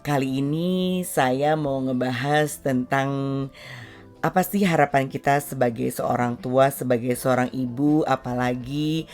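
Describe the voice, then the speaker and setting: A woman's voice: a bass voice, unhurried, darkish tone, faint music behind. A middle-aged woman from Indonesia hosting a casual family talk video, chatty and dropping in English words between frequent fillers. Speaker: parenting vlog host.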